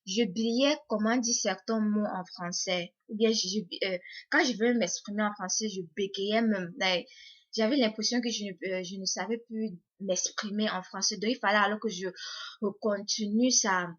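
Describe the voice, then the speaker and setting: A young woman with a medium-pitched, fairly even voice at a moderate pace vlogs a casual monologue to her viewers. She sounds hesitant, often repeating words and restarting, and the lo-fi audio is slightly muffled.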